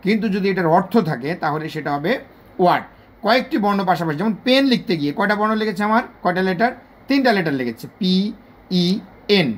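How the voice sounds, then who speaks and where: An animated English teacher, mid-range in voice and carrying a Bangladeshi Bengali accent, leads a spoken video lesson. With patience, the teacher restates points and spells out example words slowly, syllable after syllable.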